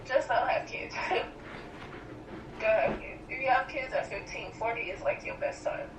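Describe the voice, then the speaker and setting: A hoarse teenage girl speaks bluntly and with animation from across the room, her voice a little high. She sounds distant and muffled, with echo, steady room noise and a TV playing behind her. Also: a little slow. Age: late teens. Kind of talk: casual chat.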